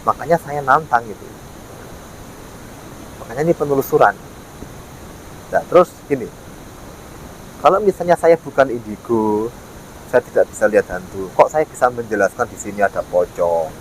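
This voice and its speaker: A man's voice: fairly low pitch, normal speed, long pauses, low-quality recording. A man talks casually to camera as a vlogger, explaining and repeating his points. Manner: explanatory, repeats himself, frequent tag words. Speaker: ghost-hunting vlogger. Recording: faint ambient and vehicle noise.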